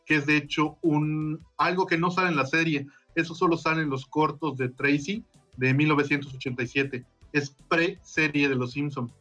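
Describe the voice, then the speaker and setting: Rambling co-host, slightly high voice, off-mic, faint music. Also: male voice, pushed and bright, recorded from a distance, muffled recording. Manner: quick, rambling, laughs often. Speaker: podcast co-host. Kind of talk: casual chat among friends.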